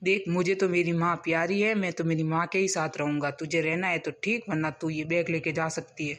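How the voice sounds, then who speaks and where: A stern young husband in a cartoon, played by a woman in a lowish voice. He scolds his wife and lectures her firmly. He stands by his mother. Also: steady tone, a little fast, fairly bright tone. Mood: scolding.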